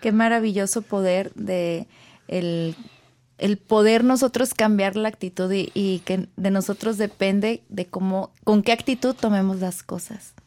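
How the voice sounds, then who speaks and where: A woman's voice: mid-range voice, fairly even intonation, measured pace, darkish tone. A woman who hosts a talk on personal growth and reflects thoughtfully on her guest's points. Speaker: host. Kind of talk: talk show conversation.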